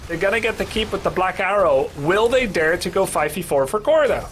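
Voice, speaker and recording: A man's voice: high-pitched, lively intonation, brisk, a bit bright, a little hiss or hum. A man casting esports with play-by-play commentary, dramatic and playful, repeating phrases for effect. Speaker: esports caster.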